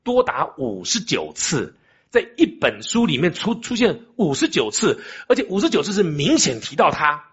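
A man's voice: high voice, huge pitch swings, moderate pace, gravelly, breathy edge. An older man preaching a sermon as pastor, emphatic and asking the congregation rhetorical questions. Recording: dull lo-fi recording.

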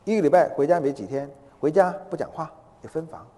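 A man's voice: on the high side, warm tone, lightly acted. A man voicing an indignant, defiant wife. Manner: exasperated, rapid protesting. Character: indignant middle-aged wife, stubborn in her faith. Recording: long hall reverb.

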